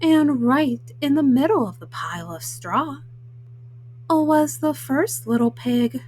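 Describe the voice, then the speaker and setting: A woman voicing a folksy, self-justifying male wolf in a storybook, haltingly, with frequent uhs. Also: high voice, animated, darkish tone, slight background noise. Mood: self-justifying, matter-of-fact. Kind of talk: storybook read-aloud in first person.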